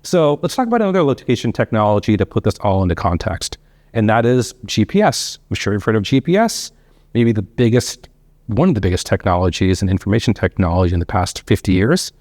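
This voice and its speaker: A man's voice: fairly low pitch, big pitch swings, brisk, darkish tone, dry recording. A man giving a keynote product presentation with polished corporate enthusiasm, conversational, in short punchy phrases with rhetorical questions. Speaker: company chief executive giving a keynote.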